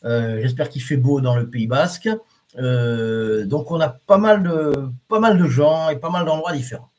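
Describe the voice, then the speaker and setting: Reading viewer comments aloud as he goes, a man gives a reflexology lesson on a live stream in a casual, filler-heavy style full of restarts. He sounds a little high, somewhat dark in tone, and keeps a measured pace.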